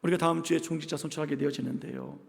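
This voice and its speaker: A male pastor delivers a passionate Sunday sermon in a high, gravelly voice, firing rhetorical questions at the congregation. His voice rings through a church hall with a long, echoing reverb. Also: steady tone, racing. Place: church sanctuary.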